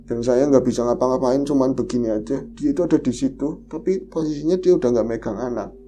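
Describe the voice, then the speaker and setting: A man tells a personal horror experience as a podcast guest. He retells it in a lively, fearful way. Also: mid-range voice, fast talker, a little hiss or hum. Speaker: guest storyteller.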